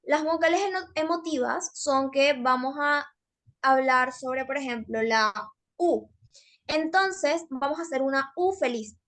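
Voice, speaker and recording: A woman's voice: sits high, unhurried, a bit bright. A young woman giving a workshop presentation on public speaking, explaining with frequent fillers.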